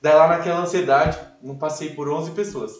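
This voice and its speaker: Fast-talking young man. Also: fairly high pitch. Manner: animated, fillers like "cara" and "né". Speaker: podcast guest. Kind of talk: casual testimony storytelling. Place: live event room. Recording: echoey room, voice far from mic.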